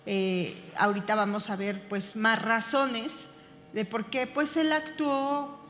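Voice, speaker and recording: A woman reads a Bible passage and then talks it through with her class. Her voice sits fairly high. She speaks slowly and deliberately, pausing and restarting often. The recording carries a long reverb tail over a faint steady hum. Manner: slow and deliberate, many fillers and restarts. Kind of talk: Bible reading and class commentary.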